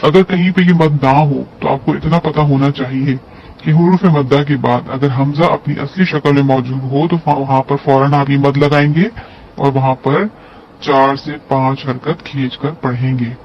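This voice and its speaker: A man's voice: medium pitch, steady tone, normal speed. A man teaching a lesson on Quran recitation, explaining step by step and drawing out syllables to demonstrate. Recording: dull lo-fi audio with faint hiss.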